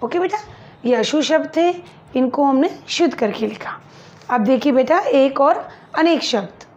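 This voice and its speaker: A woman's voice: high voice, lively intonation, normal speed, darkish tone, muffled recording. A woman teacher giving a lesson to young pupils, patiently spelling words out syllable by syllable and asking and answering her own questions. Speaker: school teacher.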